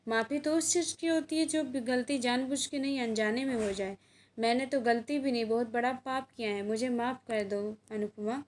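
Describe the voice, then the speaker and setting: A woman's voice: on the high side, moderate pace, slight background noise, close to an everyday voice. A woman voicing a remorseful grown woman who pleads for forgiveness and reproaches herself. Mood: pleading.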